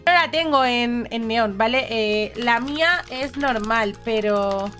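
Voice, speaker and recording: A young woman from Spain with a Spanish accent, commenting a game on her channel in an animated, sarcastic, playfully dramatic way. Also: fairly high pitch, takes it slowly, soft background music. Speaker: gaming youtuber. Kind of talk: casual gameplay commentary.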